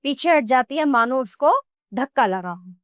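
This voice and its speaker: Lady reading out a class play, calls out who speaks, high pitched, dry. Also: animated, normal speed, no echo. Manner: reads out speaker names and stage directions. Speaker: reader of a school textbook play. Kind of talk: reading a play aloud with character cues.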